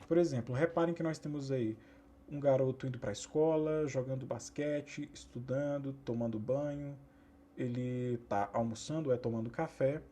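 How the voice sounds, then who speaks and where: A man, teaching a recorded English lesson to sixth graders, repeating each rule slowly and asking students to pay attention. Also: mid-range voice, warm tone, a little hiss or hum.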